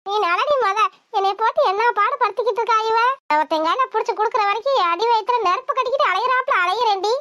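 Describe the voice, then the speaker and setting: A woman's voice: very high-pitched, fast talker, few pauses, pushed and bright, no echo, clean studio sound. A woman voicing a fussing, bossy old village grandmother who scolds and wails in a cartoon. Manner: scolding, nagging, dramatic wailing.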